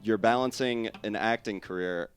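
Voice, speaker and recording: A man's voice: on the low side, moderate pace, soft background music. A male host interviewing a musician at a live show, upbeat and encouraging. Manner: upbeat, encouraging, hypes the crowd. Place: live music venue with audience.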